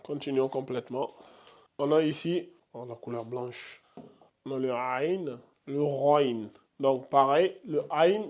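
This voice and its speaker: A fairly high-voiced man whose first language is Pulaar teaches a whiteboard lesson on the Arabic alphabet. He draws each syllable out and says it several times over. Between drills he talks to his learners in a chatty, direct way. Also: a little mellow, muffled recording. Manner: repeats syllables slowly, drawn out.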